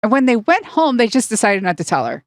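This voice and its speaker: Speaking quickly in a slightly high, sing-song voice, a woman co-hosts a podcast with studio-quality sound and no echo. She gives wry, opinionated takes in a casual chat reviewing a cartoon.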